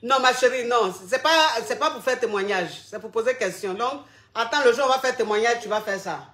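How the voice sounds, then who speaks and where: A woman with a high voice hosts a live call-in advice show. She talks bluntly and repeats her points, calling her listeners by pet names. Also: a little fast, a bit bright. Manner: blunt, repetitive, affectionate terms.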